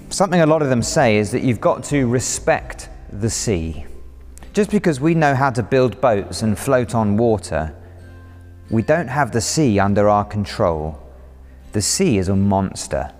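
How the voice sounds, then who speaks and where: A man preaching a sermon, retelling a story vividly and dramatically. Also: on the low side. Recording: reverberant hall, faint music.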